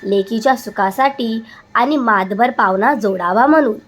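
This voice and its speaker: A woman's voice: on the high side, moderate pace, close to an everyday voice. Woman voicing a pleading village father. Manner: humble, pleading.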